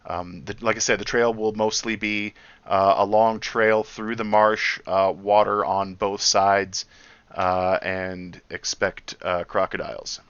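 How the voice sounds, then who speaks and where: Halting low-voiced man running a tabletop game. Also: flat delivery, a bit bright, clear, resonant tone, no echo. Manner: halting, many filler sounds. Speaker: dungeon master. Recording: dull dry low-fi audio.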